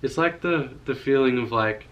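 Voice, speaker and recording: A young man co-hosting a casual question-and-answer chat with his wife, relaxed and easygoing, his speech halting with fillers. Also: medium pitch, dull audio. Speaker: co-host of a couple's channel.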